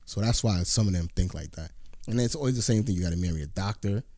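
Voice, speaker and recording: Fast-talking deep-voiced man, casual podcast chat. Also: warm tone. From United States. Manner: loose slangy talk, says "yo" and "you know what I'm saying". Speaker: podcast co-host.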